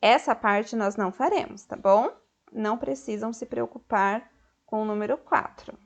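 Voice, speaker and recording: A woman teacher with a Brazilian Portuguese accent, giving a recorded school lesson slowly and clearly, stretching the stressed syllables of her example words. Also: on the high side. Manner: slow, clear, patient explaining to children.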